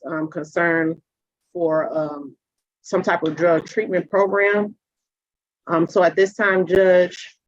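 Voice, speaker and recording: A prosecutor addressing a judge at a sentencing hearing, hesitant, with many filler pauses. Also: medium pitch, no room sound, dull audio. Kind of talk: courtroom argument.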